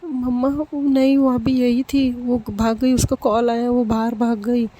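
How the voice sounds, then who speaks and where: Brief: a woman doing a heartbroken, pleading young woman, a bit higher and mellow, read-aloud love story. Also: flat delivery, unhurried.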